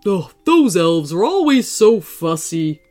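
Lady doing a bouncy talking christmas tree, playful, voice swoops up and down, slow. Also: on the low side, soft background music. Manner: playful, lively.

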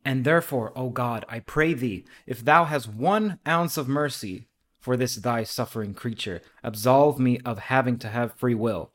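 A man reading the part of a weary soul begging God to take away his free will, even middle pitch and plain delivery, earnest and burdened. it sounds like a spoken dialogue read aloud, with nothing theatrical about it. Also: normal speed, close to an everyday voice. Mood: pleading.

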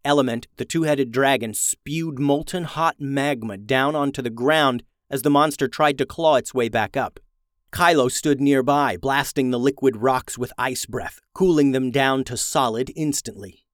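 A man reading a fantasy adventure story aloud in a steady, even storytelling manner. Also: mid-range voice, normal speed, no echo, studio quality. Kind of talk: storybook narration.

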